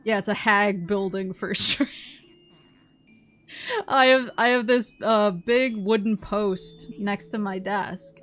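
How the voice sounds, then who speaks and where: A woman's voice: mid-range voice, steady tone, slow, fairly bright tone. A woman chatting casually and in a rambling, giggly way while she streams a video game. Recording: music playing behind the voice.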